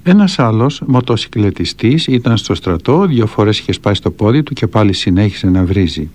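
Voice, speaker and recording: A man with a fairly low voice reads spiritual anecdotes and counsel aloud. His intonation rises and falls a lot as he tells the stories, moving from calm counsel to vivid retelling. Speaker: reader of a monk's teachings.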